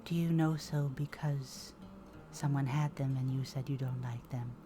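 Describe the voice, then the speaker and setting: A woman's voice: a bass voice, steady tone, normal speed, over music. A woman voicing a curious, odd mutated woman who asks blunt, playful questions.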